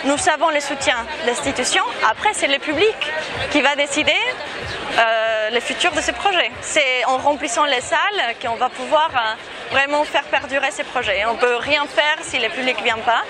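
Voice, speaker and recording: High-voiced woman on a busy street. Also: moderate pace. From Mexico. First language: Spanish. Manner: hesitant, many fillers and restarts. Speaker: festival director. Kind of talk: casual interview. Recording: outdoor street noise and crowd chatter.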